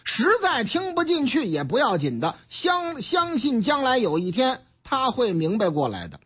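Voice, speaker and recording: Beijing guy doing radio commentary like a storyteller, pitch jumping all over, kinda husky, dull lo-fi sound. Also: normal speed. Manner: lively, acts out the characters in the stories, colloquial.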